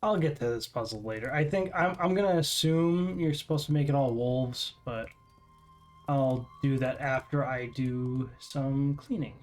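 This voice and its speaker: A man's voice: mid-range voice, unhurried, faint music behind. A man giving casual commentary while playing a mystery game, reading text aloud and musing. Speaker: let's play host.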